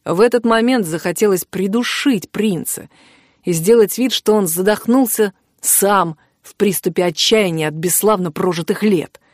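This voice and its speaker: A woman narrates a fantasy audiobook in a measured, expressive manner. Her voice sits in a middle pitch, recorded dry and close with no room sound. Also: no room sound.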